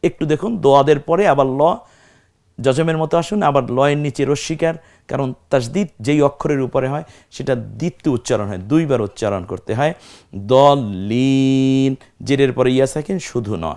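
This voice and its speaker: A man's voice: mid-range voice, fast, a little mellow. Man, teacher, patient recitation lesson, stretched vowels, questions to the class. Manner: spells out letters and stretches vowels to demonstrate; asks the class questions and answers them himself.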